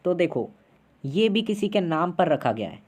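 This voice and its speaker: Casual male teacher with a mellow voice. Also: high voice, very animated, normal speed. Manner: casual and chatty, constantly checking in with students. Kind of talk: online class lecture.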